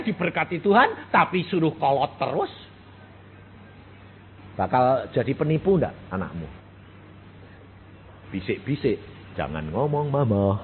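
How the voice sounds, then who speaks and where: An older man preaching a sermon, emphatic, swinging between loud high bursts and low quiet asides, acting out little dialogues. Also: breathy edge. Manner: emphatic, rises sharply and drops low, acts out dialogues. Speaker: evangelist preacher. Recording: tinny phone-like audio with faint hiss.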